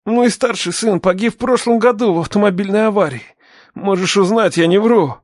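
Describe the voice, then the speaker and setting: A man's voice: high voice, a little fast, darkish tone, no room sound, studio quality, pitched above the performer's own voice. A man doing a panicky, stammering captive begging for mercy. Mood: desperate bargaining. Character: frightened middle-aged male captive begging.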